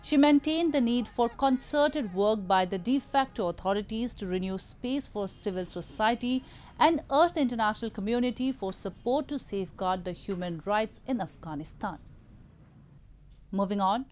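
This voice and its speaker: A female news anchor reading scripted headlines in a studio with a measured, formal delivery. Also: a little high, darkish tone.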